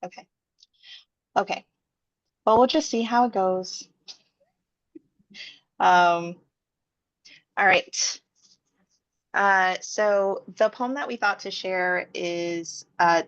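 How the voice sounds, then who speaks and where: A woman leading a workshop over a video call, talking haltingly with many fillers while her voice keeps breaking up on a bad connection. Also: lowish voice, a bit bright. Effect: voice breaking up over a bad internet connection. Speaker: workshop leader. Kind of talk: casual talk on a video call. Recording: dull lo-fi video call audio.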